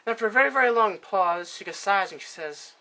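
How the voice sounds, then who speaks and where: A storyteller telling a rambling, profane comic tale to friends in a deadpan way. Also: mid-range voice, quick pace, low-quality recording.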